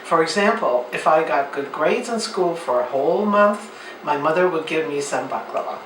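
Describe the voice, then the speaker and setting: A woman's voice: deep voice, lively intonation, moderate pace. Woman teaching cooking in a roomy kitchen. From Turkey. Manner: patient, explanatory, homely. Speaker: home cook. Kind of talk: cooking demonstration. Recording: roomy, distant mic, faint noise.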